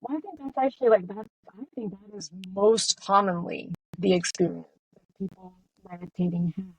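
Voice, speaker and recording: Woman guest talking meditation-style, kinda husky, dry close sound. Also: mid-range voice, normal speed, no echo, highs cut off. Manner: reflective, soft-spoken, many fillers. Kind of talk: casual interview conversation.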